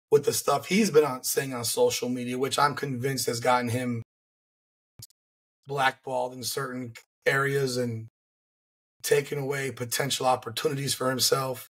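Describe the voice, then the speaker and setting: Casting: male podcast host, thirties, hoarse and husky, lower-toned everyday register, opinionated sports rant delivered conversationally. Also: fairly bright tone. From South Florida. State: hoarse voice from flu. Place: furnished home room, indoors. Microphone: large desk microphone close to the mouth.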